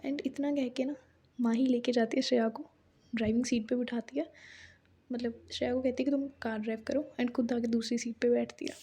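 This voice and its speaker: A woman's voice: a little high, flat delivery, fairly quick, dark tone, husky. A young woman casually narrating an audio story in a chatty, conversational way with lots of fillers.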